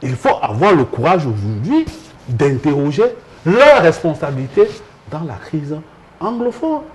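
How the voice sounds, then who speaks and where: A man's voice: fairly high pitch, sing-song, measured pace. A man, a panel guest arguing insistently in a political debate. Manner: emphatic, insistent.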